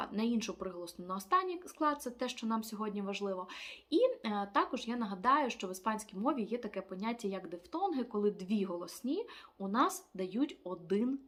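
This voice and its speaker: A woman teaching an online language lesson, explaining step by step with frequent filler pauses. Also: mid-range voice, fairly bright tone.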